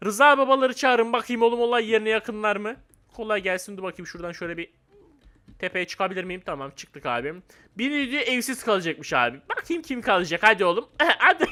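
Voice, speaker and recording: A young man giving casual, excitable gameplay commentary, often laughing and teasing other players. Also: sits high, fast. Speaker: gaming YouTuber.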